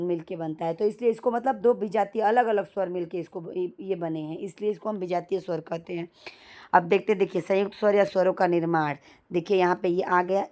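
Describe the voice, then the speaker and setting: A woman with a slightly low voice teaches an exam-prep lesson. She explains step by step in a conversational way and sounds out each vowel slowly. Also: dark tone. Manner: frequent fillers and restarts, conversational.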